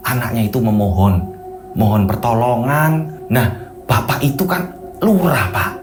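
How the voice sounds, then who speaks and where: A man's voice: medium pitch, a little slow, roomy sound, over music, voice pushed down, lightly acted. A man voicing a healer's middle-aged wife, scolding and questioning her husband. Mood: nagging.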